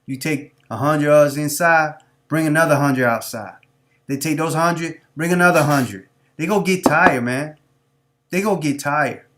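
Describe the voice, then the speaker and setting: Hosting a live stream, a man with a fairly high, somewhat bright voice delivers an unscripted monologue at normal speed. His off-the-cuff talk is preachy, repetitive and full of street slang.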